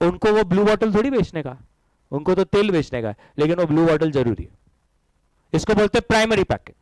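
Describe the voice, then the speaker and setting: A man's voice: sits high, no echo, poor audio. A middle-aged man teaching accounting to a live class, drilling students in call-and-response and mixing Hindi with English terms. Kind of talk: classroom lecture.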